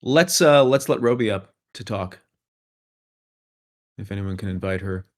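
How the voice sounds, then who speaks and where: A man's voice: on the low side, expressive, measured pace. A man moderating a casual chat, joking and playful.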